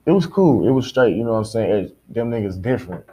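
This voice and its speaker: A man's voice: mid-range voice, sing-song, quick pace, warm tone, husky. A man with an American accent, from Kalamazoo, chatting casually as a guest rapper in profane, repetitive slang. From Kalamazoo, United States. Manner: slangy, profane, repeats himself.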